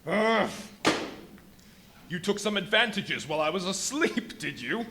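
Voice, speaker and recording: An actor in a live radio play playing a ruthless, megalomaniac invisible scientist, speaking in an imperious, deliberate, menacing way. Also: male voice, high-pitched, big pitch swings, bright, forceful tone, a little hiss or hum, full character voice. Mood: furious, gloating. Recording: live stage recording with music underneath. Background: music.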